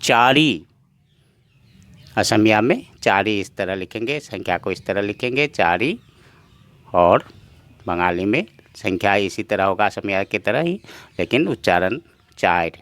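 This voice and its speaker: Slow, low-voiced man teaching a lesson. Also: expressive, fairly bright tone. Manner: patient, repetitive, addresses viewers as friends. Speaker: language teacher.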